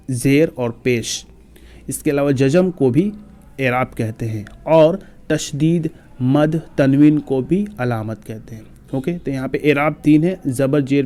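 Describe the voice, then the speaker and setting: A man's voice: mid-range voice, mellow. A male teacher giving an exam-prep grammar lesson, patiently explaining step by step and reciting lists of letters.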